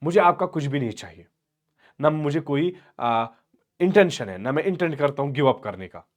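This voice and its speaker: A man voicing an older father who talks down softly and condescendingly, acted out for a class. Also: on the high side, lively intonation, normal speed, lightly acted. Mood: patronizing. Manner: soft, patronizing, sugary.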